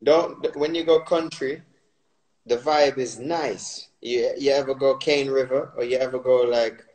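A man from Barbados hosting a casual phone live stream, talking in a relaxed, rambling way with many fillers. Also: mid-range voice, a little slow, poor audio. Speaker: Instagram live host.

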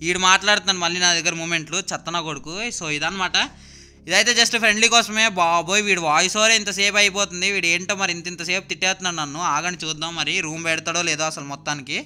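A man's voice: high voice, steady tone, very fast, bright, forceful tone, smooth, soft background music. A man with a Telugu accent, a gaming YouTuber teasing a clan mate over voice chat and talking to his viewers. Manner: teasing, provoking banter.

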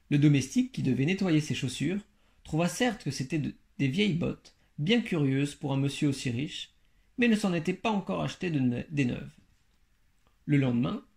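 A man reading a fairy tale aloud in a steady storytelling manner, with occasional slips. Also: fairly high pitch, creaky. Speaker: reader.

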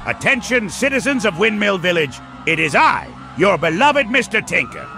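Gravelly, high-pitched theatrical villain. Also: male voice, sing-song, sharp tone, shouting, faint music behind, some chatter behind, exaggerated voice. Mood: gloating. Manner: slow theatrical villain menace. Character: bombastic gloating mad-scientist villain. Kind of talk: comic dub voice acting.

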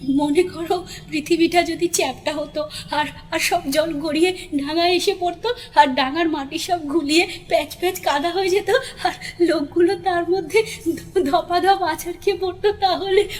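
A woman's voice: fairly high pitch, slow, in a large hall, pitched below the performer's own voice. Hijibijbij, a woman doing a giggling odd creature. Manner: giggly, breathless with laughter. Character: giggling odd creature, half man half owl. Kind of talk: storybook reading.

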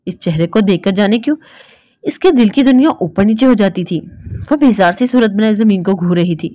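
A woman reading a romance novel aloud in a steady storytelling voice. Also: medium pitch, brisk. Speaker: narrator.

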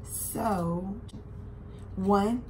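A woman's voice: mid-range voice, very slow, noisy background. A woman co-hosting a casual vlog chat, reading facts aloud and reacting with surprise.

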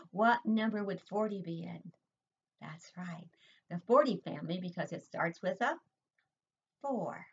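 Teaching preschoolers online from indoors at home, an older woman uses a sing-song delivery and quizzes the kids with questions. Her voice is medium-pitched and husky, captured by a laptop webcam mic in dull, lo-fi sound.

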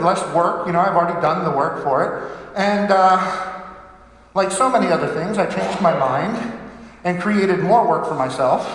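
High-voiced priest from Pittsburgh in echoey church. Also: male voice, a bit bright. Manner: chatty and self-deprecating in announcements, with many fillers. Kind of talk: church liturgy and announcements. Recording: echoey church with long reverb.

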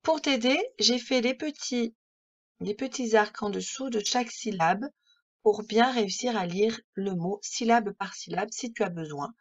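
Teacher lady reading to little kids, slow and careful, kinda high voice, sounds out every syllable. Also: lo-fi sound. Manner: slow, deliberate syllable-by-syllable pronunciation; gentle, encouraging tone addressing children. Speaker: primary school teacher. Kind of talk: reading lesson for young children.

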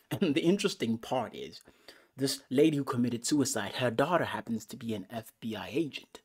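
A man talks through a movie review in a casual, unscripted way, thrilled and swearing constantly. His voice sits at an everyday middle pitch, but his volume lurches from loud, excited bursts down to hushed, breathy whispers. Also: normal speed.

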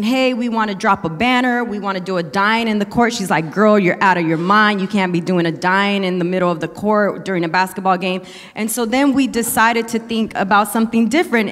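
A woman activist speaking on a panel, telling stories in a fast, casual way with many fillers. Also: mid-range voice, fairly bright tone. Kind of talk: panel discussion. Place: museum event hall. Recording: long reverb of a large hall.

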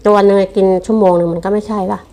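A woman's voice: mid-range voice, fairly even intonation, rapid-fire, dark tone. A woman doing a casual mukbang eating show, chatting to viewers between bites with chewing and savouring hums.

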